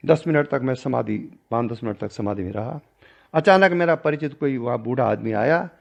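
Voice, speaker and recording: An older man, a spiritual teacher, recounting a personal story in a discourse and acting out the dialogue with changing pitch and loudness. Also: lively intonation, normal speed, vocal fry. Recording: dull lo-fi recording.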